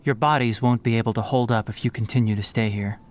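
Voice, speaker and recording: A man voicing a brisk, responsible young forest ranger in a fantasy video game, speaking in an articulate, matter-of-fact, instructive way. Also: mid-range voice, fairly even intonation, natural voice. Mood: firm, concerned.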